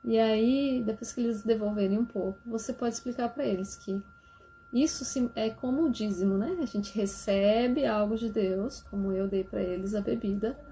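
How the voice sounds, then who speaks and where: A woman gently explaining church lessons for parents to teach their children, often checking in with a soft "né?". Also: on the high side, normal speed, slight background noise. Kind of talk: casual instructional talk.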